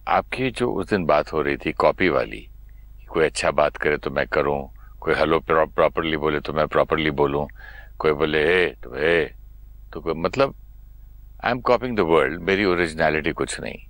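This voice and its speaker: A middle-aged man with a very low voice tells a personal story in easy conversational style. He lifts his voice when acting out what others said. The sound is close and dry, with no room around it. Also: moderate pace, a bit bright, dry recording. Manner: acts out quoted lines with livelier pitch. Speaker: guest sharing a personal story.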